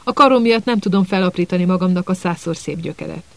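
A man's voice: sits high, vocal fry, dry recording. A male narrator voicing a spoiled, sneering schoolboy who whines and feigns sympathy. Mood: smug whining. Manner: whining, mock-sympathetic.

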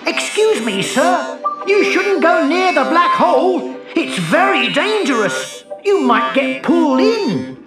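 An eager little satellite boy, as a storybook narrator puts him on, voiced very high and swooping, polite but anxious. Loud music plays under the voice. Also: very animated, slow pace, far from the mic, exaggerated voice. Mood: worried. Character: eager young male satellite.

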